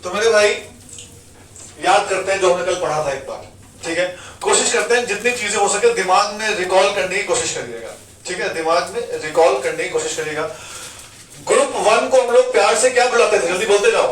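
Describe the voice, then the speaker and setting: A man's voice: high voice, expressive, brisk, fairly bright tone. A man teaching chemistry to a class, quizzing students and chanting memory lines for the elements. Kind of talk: classroom lecture with mnemonics. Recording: echoey room, mic far off, class noise.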